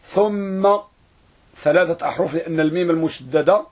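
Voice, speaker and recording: A man teaching a grammar lesson, who repeats words and draws them out slowly for students to write down. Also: on the high side. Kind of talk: classroom lesson.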